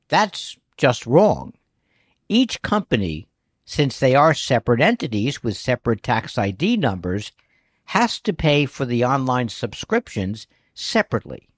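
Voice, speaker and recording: A man's voice: medium pitch, no room sound, clean studio sound. A man hosting his own podcast, talking through his bookkeeping work in a chatty monologue that wanders into asides. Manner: chatty, prone to digressions.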